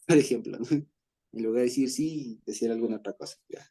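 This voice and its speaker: A man's voice: mid-range voice, normal speed, dark tone, husky. A man with an Ecuadorian accent leading a Bible study, explaining with everyday examples and chuckling often. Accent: Ecuadorian Spanish.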